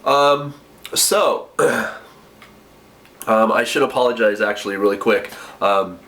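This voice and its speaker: A young man with a cold gives chatty application advice from his kitchen for a casual vlog, sounding a bit nasal. His voice is fairly low and a bit bright, slow, and packed with ums and self-corrections.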